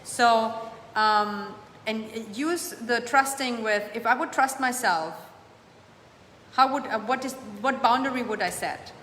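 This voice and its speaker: Bright, echoey motivational woman host. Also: fairly high pitch, slow, a little hiss or hum. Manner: warm, emphatic, repeats phrases for emphasis; reads viewer comments aloud and answers them. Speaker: host of a live coaching show. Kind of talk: motivational live-stream coaching. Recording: echoey room with long reverb, faint ambience.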